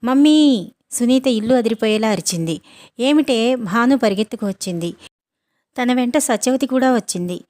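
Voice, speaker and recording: Woman narrator, audiobook, novel reading, even delivery, higher pitch. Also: a little fast.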